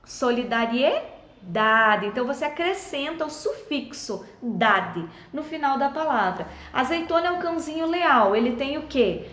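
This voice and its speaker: High-voiced woman teacher, echoey room. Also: a little hiss or hum. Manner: patient, friendly, checks in often with tag questions. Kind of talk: explaining schoolbook exercises to children.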